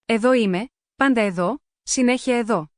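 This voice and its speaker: A woman's voice: a little high, no room sound, studio quality, lightly acted. A woman voicing a grieving mother who pleads with her dead child in a mournful lament.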